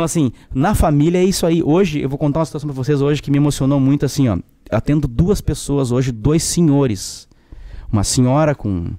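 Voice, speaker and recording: A man in his forties with a southern Brazilian Portuguese accent, a podcast guest telling stories from his work in a frank, animated way. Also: medium pitch, no room sound. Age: 40s. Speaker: podcast guest, public defender. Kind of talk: casual storytelling.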